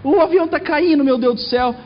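A man voicing a panicking middle-aged mother who prays loudly and pleads in frantic, shrill cries. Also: fast talker, background noise. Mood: frantic praying. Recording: echoey hall, muffled sound.

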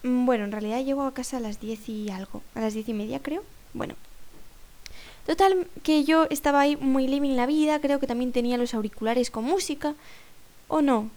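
A woman's voice: sits high, brisk, a little mellow. A young woman telling a casual story, rambling and self-mocking, with many fillers and restarts. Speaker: vlogger.

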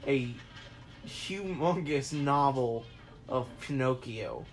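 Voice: medium pitch, lively intonation, slow, soft background music. A host commenting casually over a film in a chatty, rambling way, often stumbling and restarting. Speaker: reaction video host.

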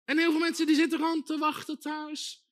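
A man preaching a sermon with emphatic repetition, building to loud exhortation. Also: very high-pitched, level tone, fairly quick.

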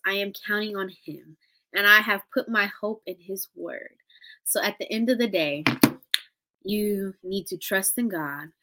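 A woman hosting a live show in a casual, slangy, playful way, chatting with viewers and leading a short prayer. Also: medium pitch. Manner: lively, slangy, playful and laughing. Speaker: host of a live interview show. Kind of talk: casual livestream chat with prayer.

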